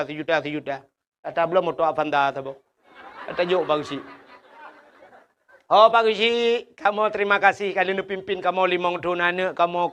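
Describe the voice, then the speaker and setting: A man's voice: high voice, fairly bright tone, clean tone. A man preaching a humorous village sermon with an Acehnese accent, telling stories and acting out villagers' dialogue. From Aceh.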